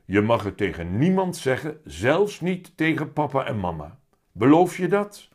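A man's voice: very animated, unhurried. A man voicing a heavy-voiced talking tomcat. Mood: secretive. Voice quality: heavy, deep voice. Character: big talking red tomcat, calm, stubborn. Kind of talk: reading a children's book aloud.

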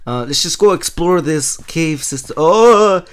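Excitable young gamer guy. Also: a little high, moderate pace. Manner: excitable, laughs often, shrieks at surprises. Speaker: gaming channel host. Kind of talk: let's play commentary.

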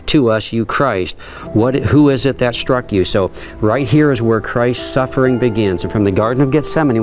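A middle-aged tour guide and Bible teacher reads scripture aloud and explains it earnestly, with frequent fillers and restarts. He speaks on an outdoor stone terrace, the tour later moving into an underground rock dungeon. His voice is fairly low and darkish.

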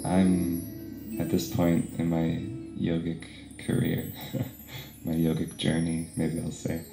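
A man guides a yoga and meditation class in a deep, gravelly voice that stays low and level. He talks slowly and calmly, and at times he chants mantra syllables. The voice carries a roomy echo, with faint instrumental music behind it.

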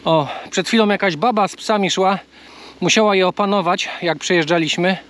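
A man's voice: sits high, moderate pace, a bit bright. A man casually vlogging from a bike trail outdoors, talking in a chatty, easygoing way. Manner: chatty, coaxing talk to a bird. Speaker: travel vlogger. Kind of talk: casual travel vlog.

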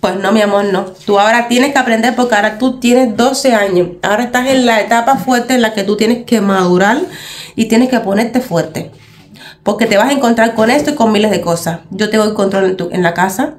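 A woman's voice: medium pitch, brisk. A woman in her thirties with a Cuban Spanish accent, talking casually to her vlog viewers in an emphatic way, repeating phrases for stress. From Cuba. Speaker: vlogger mother.

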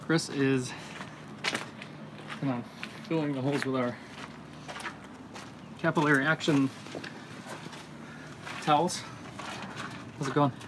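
Relaxed male vlogger, outdoors at a shipyard, camera mic with loud background noise. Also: medium pitch, slow pace, long pauses. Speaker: vlog host. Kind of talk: casual chat on camera. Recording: noisy outdoor camera audio.

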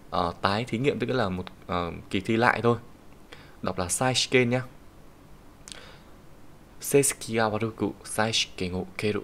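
A man with a Vietnamese accent teaching Japanese kanji in an online lesson, patiently explaining each reading and saying the Japanese example sentences slowly. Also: on the low side. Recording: faint background hiss and keyboard typing.

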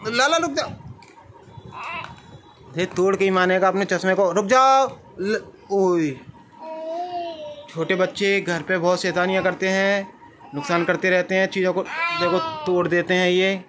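A man's voice: sits high, little pitch movement, moderate pace, a bit bright, slight background noise. A man filming a home vlog, playfully coaxing a small child in a sing-song voice and laughing as he talks to viewers. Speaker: home video vlogger, the baby's uncle.

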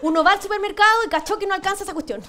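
A woman's voice: extremely high pitch, rapid-fire, pushed and bright. A Chilean woman doing a stand-up comic monologue on a TV panel show, cheeky, self-mocking and crude in her punchlines. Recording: TV studio with audience laughter. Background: studio audience laughing.

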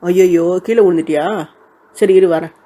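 A performer playing a kind elder sister who calms a quarrel and offers food in a comic village skit. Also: mid-range voice, moderate pace, over loud music, natural voice. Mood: mediating. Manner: soothing, scolding her sister gently, generous.

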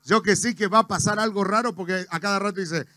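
A man's voice: sits high, fairly even intonation, quick pace, sharp tone, no echo. A man doing nostalgic stand-up comedy on a festival stage. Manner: nostalgic joking banter.

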